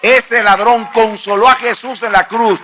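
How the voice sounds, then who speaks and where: A male pastor preaching a sermon, emphatic, repeating phrases and swinging from hushed to loud. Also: sits high, steady tone, a little slow, faint music behind.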